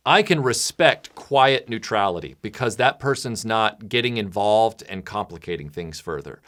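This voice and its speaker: A man speaking bluntly and casually to his supporters, now and then mimicking other people in loud, high voices. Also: expressive, normal speed. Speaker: channel creator addressing patrons.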